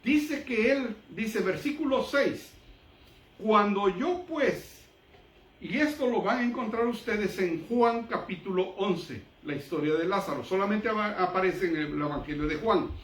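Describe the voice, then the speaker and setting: A man with a high voice delivers a sermon, reading Bible verses and explaining them with emphatic pauses. His voice carries from a distance through an echoey room. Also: expressive, a bit bright. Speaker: preacher.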